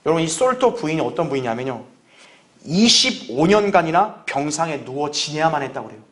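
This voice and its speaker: A man with a high-pitched voice delivers a Sunday sermon as a pastor. He talks to his congregation in an earnest, conversational way, leaning on rhetorical questions to press his point home. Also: very animated, fairly quick.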